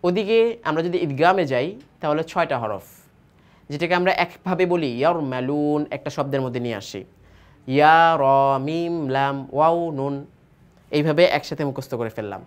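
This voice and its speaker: A man from Bangladesh teaching tajweed. He spells out each letter, drawls the joined words slowly, and asks himself questions that he then answers. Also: fairly high pitch, clean tone. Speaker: Quran recitation teacher. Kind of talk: tajweed lesson, spelling and reading aloud.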